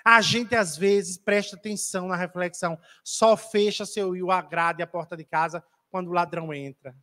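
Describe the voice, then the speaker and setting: A man's voice: high-pitched, steady tone, moderate pace, sharp tone. A man giving a spiritist lecture in an auditorium, telling a story in a chatty, teasing way and calling out audience members by name.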